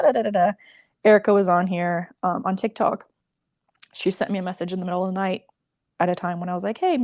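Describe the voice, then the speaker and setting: A woman's voice: lowish voice, a little mellow, no echo, studio quality. A woman crochet designer chatting casually on a livestream, rambling and emotional with many fillers.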